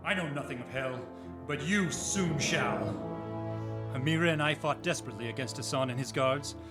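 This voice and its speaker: A man's voice: medium pitch, normal speed, music in the background, natural voice. A man playing a noble, defiant adventurer sailor in a radio drama, speaking in a grandiose, formal way. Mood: defiant, dramatic. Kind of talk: radio drama acting and storytelling.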